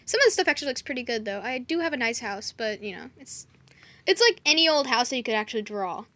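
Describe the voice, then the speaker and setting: A woman's voice: on the high side, lively intonation, fast, pushed and bright, dry recording. A young woman chatting casually and reading a list aloud, with lots of fillers and stumbles. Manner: chatty, filler-heavy, stumbles over words. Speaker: co-host.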